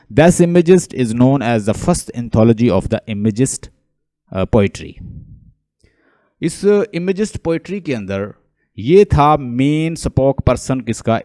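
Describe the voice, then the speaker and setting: Male lecturer, mellow dry voice, lively teaching style, asks questions and answers them himself. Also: mid-range voice, no echo. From Pakistan. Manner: mixes English terms into Hindustani speech. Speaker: English literature lecturer. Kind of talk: online lecture.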